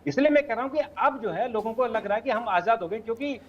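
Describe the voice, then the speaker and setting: A man's voice: very high voice, expressive, quick pace, dull audio. A man speaking as a panel guest in a political debate, insistent and talking over others.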